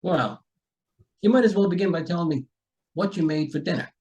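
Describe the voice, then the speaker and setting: Man acting a high-pitched, folksy police sergeant. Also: darkish tone, close to an everyday voice. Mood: affable, probing. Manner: halting, chatty, courteous. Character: folksy, rambling, politely nosy homicide police sergeant. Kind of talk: amateur radio mystery acting.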